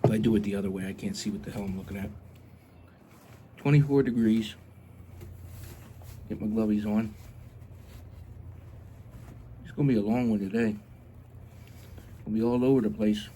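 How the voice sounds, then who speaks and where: A man's voice: on the low side, fairly even intonation, a little fast, long pauses, warm tone, slight background noise. A man chatting casually and rambling as a hobby vlogger, blunt and grumbling, with some mild swearing.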